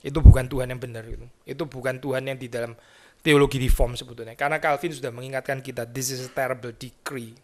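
A male pastor preaching a sermon in church in a conversational way, mixing in English terms and moving between hushed asides and emphatic rises. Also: medium pitch, steady tone, fast. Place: church sanctuary.

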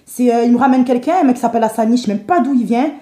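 A woman with a Comorian French accent playing an indignant young woman who fights an arranged marriage, talking fast and exasperated. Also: on the high side, warm tone, echoey room, lightly acted. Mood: upset. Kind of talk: amateur series acting.

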